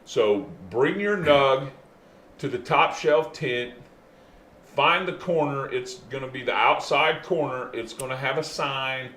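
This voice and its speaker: A man's voice: medium pitch, unhurried, a bit bright. Laid-back stoner man in an echoey room. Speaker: host of a cannabis show. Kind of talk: casual chat. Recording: roomy echo, faint background noise.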